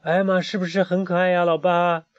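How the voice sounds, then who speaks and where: A man voicing an eager, cheerful young male duck who repeats words in an excited rush, on a muffled recording. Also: high voice, brisk, no echo, voice pushed up, natural voice.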